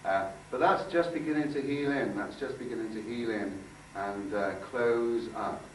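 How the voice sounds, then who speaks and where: Picked up from afar in an echoey room with faint noise, a man of medium pitch talks to a group indoors. As a workshop speaker and aura healer, he gives an informal talk with demonstration and guided visualisation, pausing haltingly, keeping it conversational and repeating phrases to stress them.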